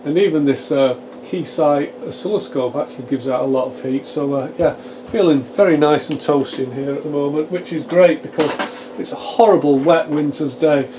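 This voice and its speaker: Man, slightly high-pitched voice, informal live technical walkthrough, thinking aloud, clear equipment fan noise in a workshop. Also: moderate pace. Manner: thinks aloud, explains step by step. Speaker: presenter of a radio repair channel. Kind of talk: informal technical demonstration, narrated live while working. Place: small home electronics workshop. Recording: steady fan and equipment hum. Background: cooling fans of test equipment.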